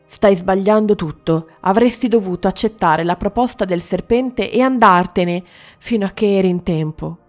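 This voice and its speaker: A woman voicing a cruel, mocking mirror reflection of a prince in a storybook, speaking harshly and loudly. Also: medium pitch, moderate pace, faint music behind, close to an everyday voice. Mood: scornful. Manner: harsh, scornful, loud.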